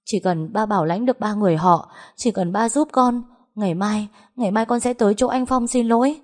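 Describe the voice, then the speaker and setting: A woman's voice: mid-range voice, moderate pace, mellow, lightly acted. A woman voicing a spoiled young adult daughter who begs and pleads in a frightened way. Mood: pleading. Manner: begging, tearful pleading.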